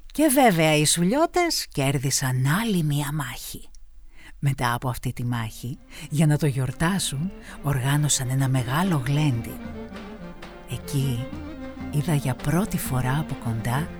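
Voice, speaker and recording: A woman narrating as a grown woman looking back on her girlhood in a children's radio drama, in a warm, reflective storytelling way. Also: a bass voice, animated, over music. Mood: nostalgic.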